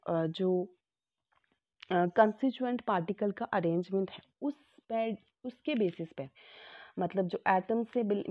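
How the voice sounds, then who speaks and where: A woman teaching a chemistry lesson, explaining step by step with homely examples, mixing in English terms and often checking that students follow. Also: medium pitch. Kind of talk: classroom lecture. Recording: tinny phone-like audio.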